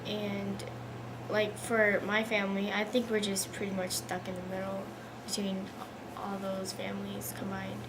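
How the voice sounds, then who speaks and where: A woman's voice: medium pitch, monotone, unhurried. A teenage girl speaking earnestly with many fillers in a documentary interview. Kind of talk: personal testimony in a documentary interview. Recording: noisy ambient background.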